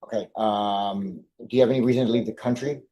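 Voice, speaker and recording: Male defense lawyer asking questions, talks fast, kinda hesitant, relaxed dark tone. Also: fairly low pitch. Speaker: defense attorney. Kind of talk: courtroom questioning.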